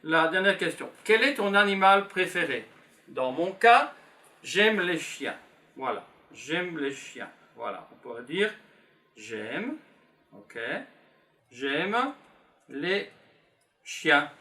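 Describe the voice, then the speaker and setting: His pitch is fairly high, with big swings and a sharp tone. He is a French teacher from Belgium in his fifties, leading beginners through a lesson and patiently, slowly repeating simple phrases as he writes them.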